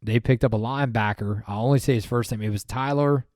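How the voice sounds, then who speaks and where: A man in a dry, close recording, his voice at an ordinary middle pitch as he chats about sports in a loose, animated way. He rambles and restarts his sentences with lots of fillers, his pitch jumping up when he gets excited. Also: fast, no echo. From Maryland, USA. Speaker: podcast co-host. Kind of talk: casual sports chat.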